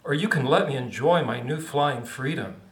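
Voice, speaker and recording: A man's voice: medium pitch, moderate pace, roomy sound, close to an everyday voice. A man voicing a tiny carefree male insect who talks in a breezy, slangy, defiant way. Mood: pleading.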